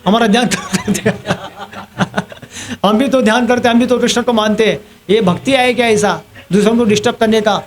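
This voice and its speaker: A man giving a scripture class in a temple, telling a story in a lively way, acting out what others said and laughing now and then. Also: sits high. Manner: animated storyteller acting out other people's quotes and laughing at his own story. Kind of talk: storytelling sermon. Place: temple hall.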